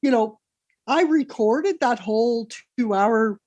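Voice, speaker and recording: A woman's voice: fairly high pitch, animated, darkish tone, no room sound. Earnest middle-aged woman, dry sound. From Canada. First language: Italian. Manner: earnest, rushed retelling with many restarts. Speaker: guest, author. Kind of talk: interview over a call.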